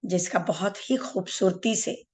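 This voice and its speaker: A middle-aged woman, a meditation teacher, giving a spiritual talk, telling a story in an unhurried, earnest way and speaking directly to her listeners. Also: fairly low pitch, a little mellow.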